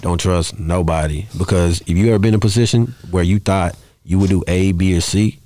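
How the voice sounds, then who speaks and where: A fast-talking man with a very deep, dark voice speaks as a rapper guesting on a podcast. His casual interview talk rambles like storytelling, often broken by "you know what I'm saying." He's indoors in a small podcast studio, close to a mic on an arm, wearing headphones.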